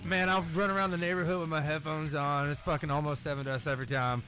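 Bright, brash man in his forties. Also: on the high side, level tone, quick pace, faint music behind. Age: 40s. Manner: profane, boisterous, jokey. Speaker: podcast host. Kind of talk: casual chat.

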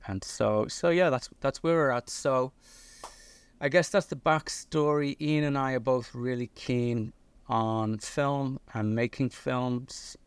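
A middle-aged man from northern England with a Liverpool accent speaks slowly in a clear, resonant, medium-pitched voice, recorded dry. He's a podcast guest, a video company's creative director, casually telling his story with fillers and restarts.

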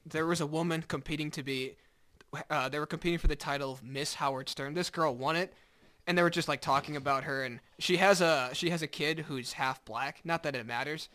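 Rambling male podcast host, fairly high. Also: sharp tone. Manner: rambling, sets up clips and retells them. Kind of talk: casual podcast chat.

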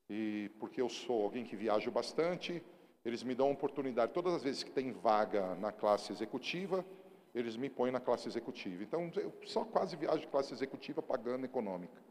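Emotional preaching man in a reverberant hall. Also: mid-range voice. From Brazil. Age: middle-aged. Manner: emotional, conversational preaching that swells loud. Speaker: pastor. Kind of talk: sermon.

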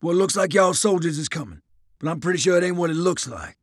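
A man's voice: a little high, expressive, fast talker, no room sound, studio quality, voice pushed up. A male narrator voicing a blunt, fatalistic soldier with a drawl. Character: frightened Southern American soldier, man, blunt and fatalistic.

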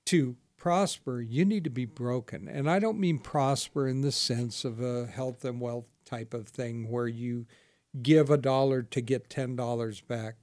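A man's voice: mid-range voice, a little slow, darkish tone, no echo. A man hosting a ministry talk show as pastor, asking questions, telling stories and laughing often. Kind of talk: casual ministry interview.

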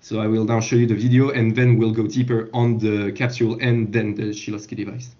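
A man, a team leader presenting his project in a casual, halting way over a video call. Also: lowish voice, flat delivery, warm tone. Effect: heard over a video call. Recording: muffled video-call audio.

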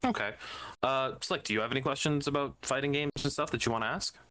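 A man's voice: mid-range voice, fast, sharp tone, poor audio. A man co-hosting a casual group chat, joking and laughing often, trailing off with fillers. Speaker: podcast co-host.

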